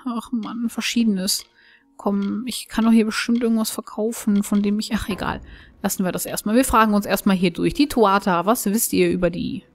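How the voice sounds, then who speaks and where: A woman's voice: mid-range voice, steady tone, normal speed. A woman giving chatty, enthusiastic commentary while playing a video game and thinking aloud. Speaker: let's play host. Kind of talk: casual gameplay commentary.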